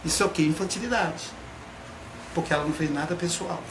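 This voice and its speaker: A man, a psychoanalyst, giving a reflective spoken talk and drawing out key words slowly for emphasis. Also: on the high side, fairly bright tone. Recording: echoey room, faint background noise.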